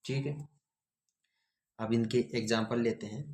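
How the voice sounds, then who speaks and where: A man's voice: medium pitch, fairly even intonation, unhurried, a little mellow, slight background noise. A man teaching a grammar lesson, spelling words out letter by letter and asking his students questions.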